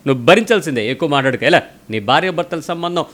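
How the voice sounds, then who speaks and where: Fast-talking male preacher, higher voice. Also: expressive, fairly bright tone. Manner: pressing, questioning, speaks straight at the listener; tells a story and quotes the people in it. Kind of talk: sermon.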